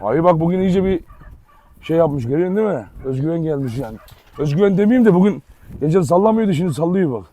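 A man hosting a casual outdoor vlog with his dogs, chatting and now and then shouting commands at them in a yard. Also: on the high side, expressive, fast talker. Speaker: dog owner and channel host.

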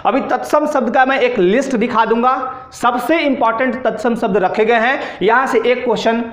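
A man with a high-pitched voice teaches an exam-prep grammar class. He dictates word pairs and keeps checking in with students through short tag questions. He sounds like he is in a room with plenty of echo. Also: normal speed, fairly bright tone. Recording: echoey room.

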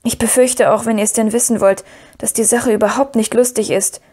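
A woman's voice: fairly high pitch, fairly even intonation, a little fast, warm tone, slightly rough. Woman reading as Frodo, grave young hobbit. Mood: worried. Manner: hesitant, grave, moved. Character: earnest young male hobbit, burdened and anxious.

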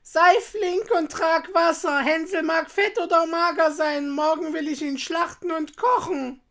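A wicked old witch from a storybook, her voice pitched high and strained. She shouts and mocks in a shrill, harsh tone that sounds far from the reader's own. The delivery is slow and heavy with scorn. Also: exaggerated voice. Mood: scolding. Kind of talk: storybook reading.

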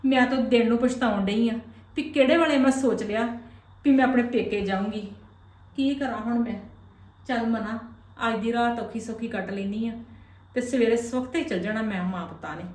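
A woman's voice: a little high, moderate pace, darkish tone, natural voice. A woman playing a wronged visiting aunt, lamenting aloud to herself. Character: wronged, self-pitying visiting sister and mother. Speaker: visiting aunt in a family skit. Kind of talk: comic family skit acting. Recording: echoey room, voice from a distance.

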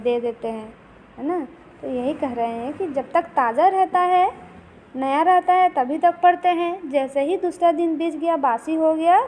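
A woman teacher with a high voice explains a children's poem, going line by line. She speaks slowly and patiently, pausing on fillers and checking in with her pupils. A faint hiss of noise sits under her voice. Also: rough recording. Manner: reads the verse lines slowly and recites them. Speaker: Hindi teacher.

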